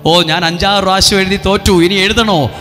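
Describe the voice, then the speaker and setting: Bright-voiced preacher in an echoing hall. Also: male voice, high-pitched, fairly even intonation, moderate pace, faint music behind. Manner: repetitive, coaxing, leads the crowd in responses. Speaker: priest leading a retreat. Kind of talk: revival sermon with call and response. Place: retreat centre hall.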